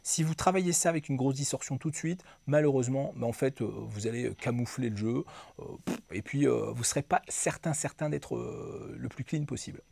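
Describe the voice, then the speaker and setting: Man with a gravelly, husky voice teaching guitar. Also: mid-range voice, brisk, darkish tone, dry recording. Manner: counts beats aloud while demonstrating. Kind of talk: instructional guitar lesson. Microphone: close mic aimed at him. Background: clean electric guitar playing.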